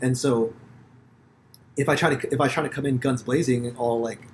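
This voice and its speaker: Man from the US, podcast host, casual profane storytelling, animated, faint background noise. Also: mid-range voice, normal speed. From United States. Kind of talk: casual conversation.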